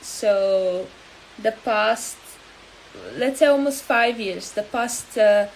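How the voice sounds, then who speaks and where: Slow, halting woman. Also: fairly high pitch, a little hiss or hum, poor audio. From Angola. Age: 30s. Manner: halting and hesitant, with many pauses. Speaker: health coach. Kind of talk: live-stream talk.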